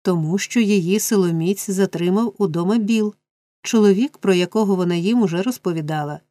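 Smug sleepy young snitch, drawls it out, woman reading, soft dry sound. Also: medium pitch, fairly quick, no room sound, natural voice. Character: sleepy sly young man informer.

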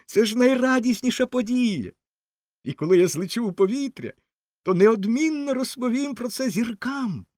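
A man voicing an excitable, jolly fire-ball firework. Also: extremely high pitch, moderate pace, no room sound, studio quality, voice pushed up. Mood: gleeful. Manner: gushing and excited.

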